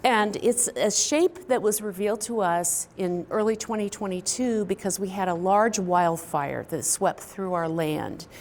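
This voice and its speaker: A middle-aged woman from Kansas, a quilt artist, talking reflectively about her work in a recorded artist talk, with pauses and fillers. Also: medium pitch, darkish tone. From Kansas, US Midwest. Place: indoor studio, quilt hanging behind her.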